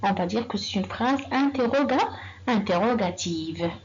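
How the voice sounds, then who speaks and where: A woman teaching a grammar lesson to young children, slow and patient, repeating sentences and quizzing the class. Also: medium pitch, lively intonation, highs cut off, noisy background. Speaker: primary school teacher.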